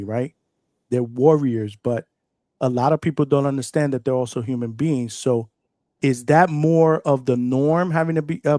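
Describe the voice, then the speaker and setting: A man hosting a live call-in show, his voice mid-pitched and dry in tone. He talks in an easygoing street way, affirming his guest often. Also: dark tone, dry recording. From Brooklyn, New York. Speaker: host.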